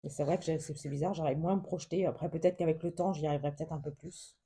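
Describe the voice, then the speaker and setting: Soft, husky-voiced woman gushing over crafts. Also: sits low, fairly even intonation, racing. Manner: soft, hesitant, many fillers, gushing with endless diminutives. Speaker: craft vlogger. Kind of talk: casual show-and-tell of a book haul.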